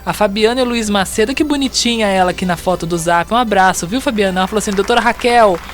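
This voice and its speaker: Fast-talking radio hostess with an under-the-weather voice. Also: female voice, mid-range voice, faint music behind. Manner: chatty, informal, checking with "né". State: under the weather, voice off and monster-like as self-described. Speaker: radio host. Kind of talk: live radio interview and listener greetings.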